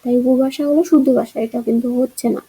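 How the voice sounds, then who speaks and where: Female teacher, high pitch, soft dark timbre, explains answers step by step. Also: fairly even intonation, quick pace, breathy edge, low-quality recording. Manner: explains answer choices, asks rhetorical checks. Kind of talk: exam-prep grammar lesson.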